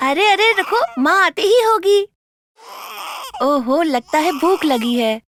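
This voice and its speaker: A gentle unloved girl. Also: extremely high pitch, very animated, slow pace, exaggerated voice. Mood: soothing. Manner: soft, pleading. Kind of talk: Hindi TV serial acting.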